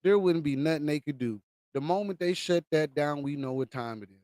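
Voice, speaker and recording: A man's voice: on the high side, brisk, darkish tone, no echo, studio quality. An American man hosting a livestream, delivering an impassioned late-night conspiracy rant with indignant, emphatic repetition for punch. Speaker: livestream host.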